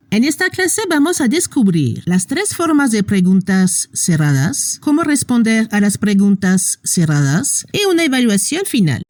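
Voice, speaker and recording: A woman teaching a scripted language lesson, speaking slowly and deliberately as she reads out careful example phrases. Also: on the high side, darkish tone, dry recording, clean studio sound. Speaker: French teacher.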